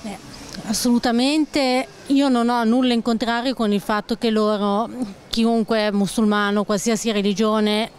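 A woman's voice: fairly high pitch, steady tone, unhurried, slight background noise. A young woman giving a long, earnest street-interview answer into a handheld mic, outdoors on a town street. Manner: earnest, long run-on explanations. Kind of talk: vox pop answer.

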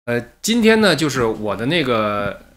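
A man's voice: mid-range voice, big pitch swings, normal speed, fairly bright tone. A man hosting a casual livestream. He chats to viewers about his mic and then reads a listener's letter aloud. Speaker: livestream host. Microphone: streaming mic with a noise gate.

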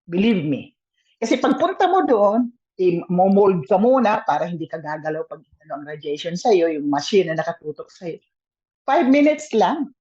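A woman's voice: lowish voice, big pitch swings, normal speed, mellow, husky, muffled recording. An older woman telling her own story in a casual, talkative radio testimony. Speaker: guest sharing testimony.

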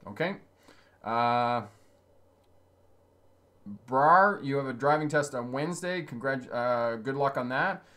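A man's voice: medium pitch, a bit bright. A man in his fifties, originally from Ontario, hosts a casual webcam livestream from a small home studio. He reads viewer comments aloud and answers them as a driving instructor, keeping his replies upbeat and encouraging. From Ontario, Canada. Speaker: driving instructor and channel host. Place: indoor home studio with signs on the wall.

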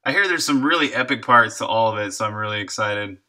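Talking fast and animatedly in a lowish, sharp voice, an American man in his thirties chats casually while live-streaming his game development. His slangy, easygoing manner comes with frequent chuckles.

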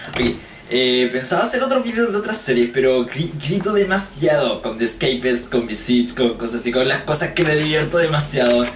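A man's voice: mid-range voice, expressive, brisk, distant mic, a little hiss or hum. Chatty man narrating gameplay in a roomy echo. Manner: chatty, jokes and thinks aloud while exploring. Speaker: let's play gamer. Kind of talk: gameplay commentary. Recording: roomy echo, voice a bit off-mic. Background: game music.

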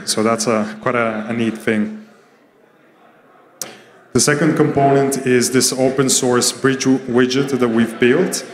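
A startup co-founder in his thirties, with a mid-range voice, gives a keynote product presentation on an indoor conference stage. He speaks somewhat haltingly and hesitantly into a handheld microphone, and the stage mic picks up a reverberant hall.

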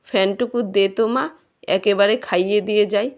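Woman reader doing a poor, gentle old village farmer, soft and pleading, storybook reading. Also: medium pitch, fairly even intonation, normal speed, close to an everyday voice.

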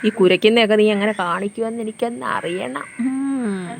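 A woman's voice: mid-range voice, moderate pace, gravelly, slight background noise. A woman playing a miming game with her daughter, teasing her and giving orders in casual family chat. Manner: playful, teasing, bossy game-giver.

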